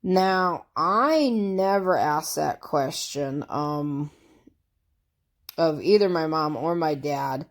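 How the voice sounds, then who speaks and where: This woman talks in a low voice at a slow pace while chatting through tag questions on her vlog. She has a cold that leaves her congested, and her manner is easygoing and rambling, sprinkled with fillers and asides.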